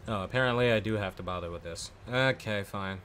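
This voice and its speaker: A man's voice: on the low side, fairly quick, fairly bright tone, a little hiss or hum. A man casually commenting on his game playthrough, offhand and joking, muttering to himself. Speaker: gamer.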